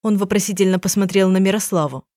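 A woman narrating an audiobook with an even, measured reading. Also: mid-range voice, no echo, studio quality.

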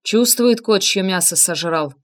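A woman's voice: medium pitch, measured pace, lightly acted. A woman reading the part of an impatient former paratrooper teaching someone to drive in an audiobook. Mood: grumbling. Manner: barking commands, blunt. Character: impatient ex-paratrooper man, gruff, quick to shout.

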